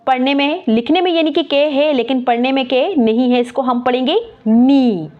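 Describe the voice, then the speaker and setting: Higher-voiced woman teaching, muffled audio. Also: normal speed. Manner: spells words out letter by letter and repeats key terms. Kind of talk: explaining a lesson. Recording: muffled lo-fi recording.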